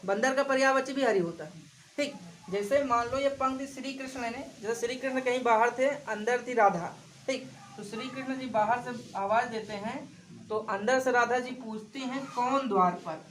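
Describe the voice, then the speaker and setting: Lady teaching grammar, kinda high pitched, keeps asking the class questions, bit of noise behind. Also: moderate pace, low-quality recording. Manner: explains by repeating examples and asking the class questions. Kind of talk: exam-prep grammar lesson.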